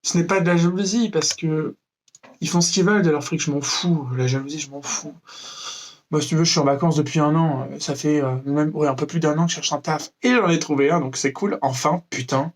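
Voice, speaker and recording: A man's voice: on the high side, fairly quick. A young man from France ranting to camera in a sarcastic, mocking, rambling way, with many fillers and restarts. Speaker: vlogger. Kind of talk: freestyle rant to camera.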